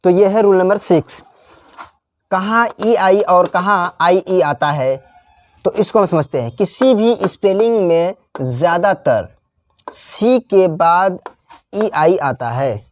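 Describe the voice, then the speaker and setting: A man teaching a spelling lesson. He spells out letters slowly, repeats each example word, and slips into chatty asides. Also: high-pitched, dry recording. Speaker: English teacher. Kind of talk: classroom-style spelling lesson.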